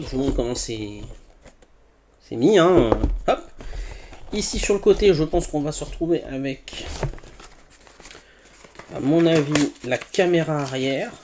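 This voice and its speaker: A man's voice: on the high side, darkish tone. A man casually talking through an unboxing, thinking aloud with fillers and playful sound words. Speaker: tech reviewer.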